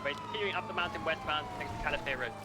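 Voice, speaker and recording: Guy on a police radio, kinda high voice, lots of uh's, loud noise behind. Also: animated, racing. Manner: hesitant radio updates with fillers. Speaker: police officer in a roleplay game.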